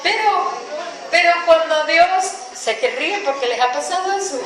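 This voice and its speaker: Woman pastor preaching, high voice, lots of repeating and "get it?" questions, big echoey church. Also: moderate pace. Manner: animated preaching with repetition and rhetorical questions. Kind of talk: sermon. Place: large echoey church hall. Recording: very echoey hall with faint background noise.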